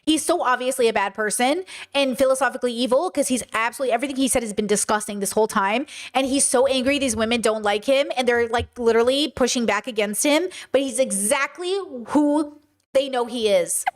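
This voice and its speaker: A high-pitched woman in her thirties hosts a live stream and talks straight into it. She rants bluntly, swears freely and answers chat in a fast, casual commentary. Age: 30s. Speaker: streamer host.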